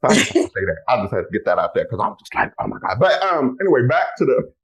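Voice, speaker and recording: A male podcast host in casual conversation, excitable and animated. His pitch climbs and falls all over the place as he tells stories, and he keeps throwing playful asides to his listeners. The tone is loose, chatty and quick to get excited. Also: breathy edge, low-quality recording. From Houston, United States. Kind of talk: casual chat.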